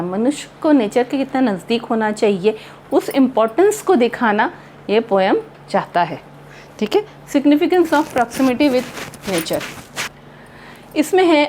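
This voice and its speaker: Woman teacher, Indian English accent, reads verse aloud slowly, explains in Hindi, faint noise. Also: sits high, darkish tone. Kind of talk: poem lesson explained in Hindi.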